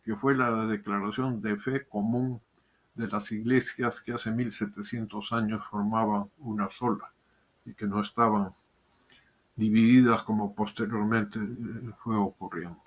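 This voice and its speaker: An older man who is a historian and diplomat gives measured, thoughtful interview answers, pausing and repeating words. His voice is on the low side, with fairly even intonation.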